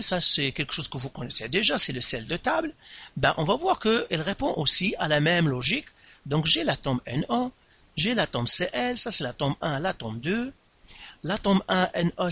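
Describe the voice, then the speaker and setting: At the board, this science teacher works through a classroom lesson slowly and deliberately, stressing every term, repeating key words, and leaping in pitch. His voice is bright, lively and a touch husky, recorded close with no echo.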